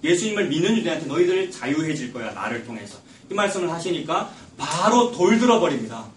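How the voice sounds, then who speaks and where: A man preaching a sermon as pastor, emphatic and building to loud stresses. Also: fairly high pitch, sing-song, quick pace, distant mic, a little hiss or hum. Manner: emphatic preaching, rising loud when quoting Jesus. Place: church sanctuary. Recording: echoey church recorded from afar.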